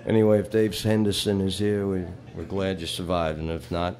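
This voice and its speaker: A man's voice: deep voice, level tone, brisk, darkish tone. A man performing a live comedy set, telling bar jokes with rambling, wisecracking patter between them.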